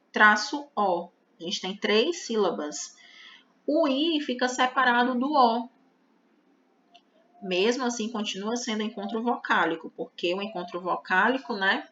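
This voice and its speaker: A woman gives a grammar lesson in a bright, clear voice. She explains step by step and keeps checking that her students follow. The audio is slightly dull and lo-fi. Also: on the high side. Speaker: teacher.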